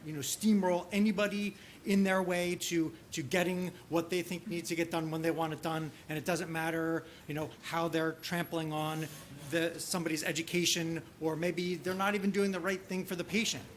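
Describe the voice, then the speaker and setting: A man leads a conference teaching session, thinking aloud through a case with frequent restarts and fillers. His voice sits a little on the high side for a man. A faint hiss of noise runs under the speech. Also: flat delivery. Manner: halting, heavy use of "you know" and restarts. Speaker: workshop presenter.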